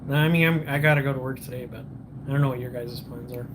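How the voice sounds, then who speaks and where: A man's voice: medium pitch, fairly even intonation, fast. Rambling man on a noisy morning stream. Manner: rambling, loses his train of thought, restarts often; greets viewers by name. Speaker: livestream host. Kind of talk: casual morning livestream chat.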